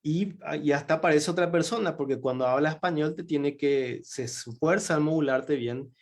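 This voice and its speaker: A man's voice: on the high side, normal speed. A man from Paraguay with a Paraguayan Spanish accent, giving a symposium talk in a hesitant way, with many fillers and restarts. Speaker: symposium speaker. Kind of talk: lecture talk.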